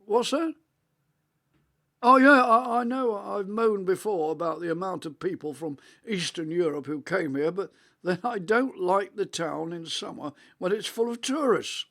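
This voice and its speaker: A man, playing a rambling, reminiscing elderly grandfather on a video call in a radio monologue; his voice is rich and melodious, with halting restarts. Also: high voice, fairly bright tone, full character voice. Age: 80s.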